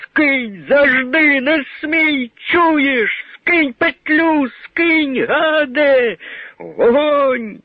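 A man giving a grave, measured dramatic reading of a novel as narrator. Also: sits high, husky, dry recording. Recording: narrow old radio broadcast sound.

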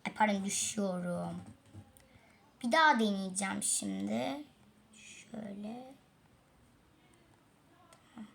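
A woman's voice: medium pitch, slow, gravelly, pauses often, a bit bright, a little hiss or hum. A woman hosting a casual gaming video, chatting to viewers about her fails and sighing as she keeps falling. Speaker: gaming channel host. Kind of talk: casual let's-play commentary. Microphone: tablet.

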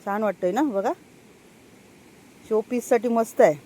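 Chatty older woman, high voice. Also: measured pace, dark tone, poor audio. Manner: chatty, keeps addressing viewers, laughs often. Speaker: farm vlogger. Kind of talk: casual vlog chat. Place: outdoors on a rural farm path.

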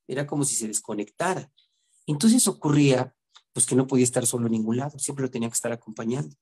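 Middle-aged man, therapist type, husky and mellow, earnest and reflective storyteller. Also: medium pitch, fast talker. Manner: earnest, reflective storyteller, often seeks agreement. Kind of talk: storytelling talk.

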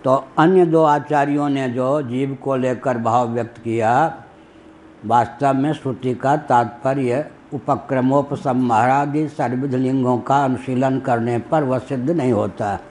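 A man teaching scripture at a deliberate, slow pace, his voice sitting in an ordinary middle register. He chants the Sanskrit verses and laughs softly at his own anecdotes. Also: medium pitch, fairly even intonation, a little hiss or hum. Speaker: spiritual teacher giving scripture discourse. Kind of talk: religious discourse on scripture.

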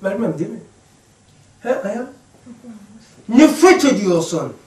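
A man giving an informal religious lesson to a small group, chatty and addressing listeners by name, moving between hushed asides and emphatic passages. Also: high-pitched, expressive, normal speed. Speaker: religious teacher. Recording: echoey room, distant mic.

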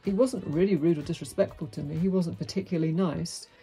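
In a small, dim room with a brick wall behind her, a middle-aged woman vlogs a candid monologue to camera, outspoken and wryly frank. She talks fast in a deep, warm, slightly rough voice over faint background music.

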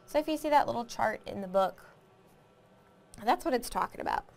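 A woman's voice: fairly high pitch, animated, a little fast, gravelly. A woman teaching a recorded math lesson, explaining step by step, counting aloud and asking the class questions.

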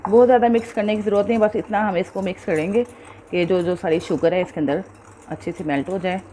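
A woman's voice: mid-range voice, steady tone, quick pace, mellow, a little hiss or hum. A woman hosting a cooking show, patiently explaining each step and checking in with her viewers.

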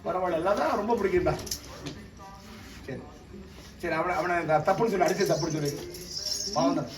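A man from Tamil Nadu, a temple priest performing an exorcism, scolding and commanding the spirit, often shouting. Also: high-pitched, a little fast. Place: temple, outdoors or open hall. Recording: echoey, distant mic, noisy.

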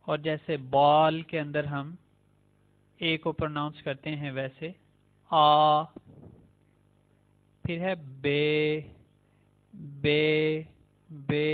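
A man teaching a beginner language lesson, saying each letter slowly and repeating it several times. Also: on the high side. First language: Urdu. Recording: tinny phone-like sound.

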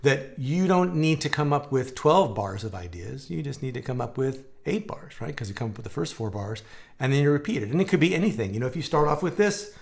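In a home music room lined with guitars, a man in his forties runs a live-streamed guitar lesson, relaxed and chatty, gesturing with his hands and demonstrating as he explains. His medium-pitched voice runs a little fast and sounds slightly gravelly from a dry throat.

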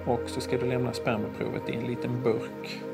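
An actor in his thirties playing a calm doctor in a clinic office, explaining gently with frequent hesitations. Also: mid-range voice, over loud music, close to an everyday voice. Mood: reassuring. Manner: measured, hesitant with many fillers. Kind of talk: scripted drama, calm explaining. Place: small clinic office indoors.

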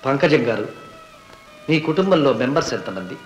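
An actor playing a sharp, insistent lawyer cross-examining witnesses in an old film. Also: male voice, mid-range voice, sing-song, a little fast, highs cut off, soft background music, close to an everyday voice. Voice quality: probing, insistent. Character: sharp probing male defence lawyer. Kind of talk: 1970s Telugu film acting. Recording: echoey old film soundtrack.

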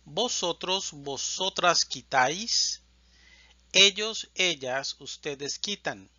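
Man, Spanish teacher, slow conjugation drill, bright clear tone, dry close sound. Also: fairly high pitch, lively intonation, no room sound, dull audio. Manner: slow and carefully enunciated, stressing each verb form.

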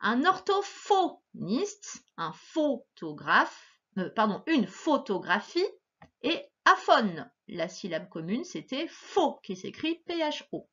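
Bright, lively woman teacher, slow and reassuring, dull lo-fi recording. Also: on the high side, breathy edge. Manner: patient, slow and encouraging, stressing each sound. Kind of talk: recorded phonics lesson for a child.

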